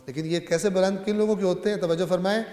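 A man preaching a sermon to a gathered audience, explaining scripture. He swings between loud, rising recitation and quiet, low asides, and often checks that his listeners are following. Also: steady tone. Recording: echoey hall with long reverb.

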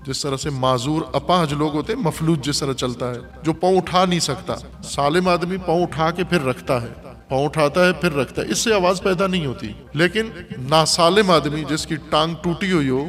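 A man's voice: fairly high pitch, fairly bright tone. A man giving an emphatic moral lecture to students and driving his points home with rhetorical questions. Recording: long hall reverb, faint music behind.

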